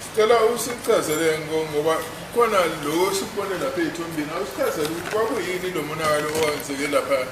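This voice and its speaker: A man with a South African accent interpreting in court during a cross examination, halting and repeating the starts of words. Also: fairly high pitch. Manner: halting, repeats word beginnings. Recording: echoey, noisy courtroom recording.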